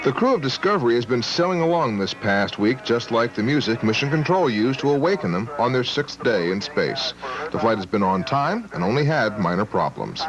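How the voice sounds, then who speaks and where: Man, news correspondent, scripted narration, medium pitch, muffled old broadcast, crowd noise behind. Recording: dull archival TV audio, busy background.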